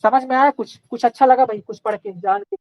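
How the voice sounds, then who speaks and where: A very high-pitched man with big pitch swings teaches a live online engineering class at a fairly quick clip, answering his own questions. He uses Hindi with English technical terms and keeps checking in with "okay" and "clear?" The audio is dull, with no room sound.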